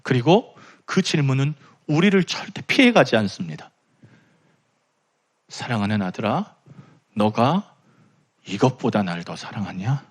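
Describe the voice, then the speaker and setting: A man's voice: medium pitch, very animated, a little slow, long pauses, slightly rough. A young man preaching a sermon in a church, impassioned and rising to emphatic pleading. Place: church sanctuary.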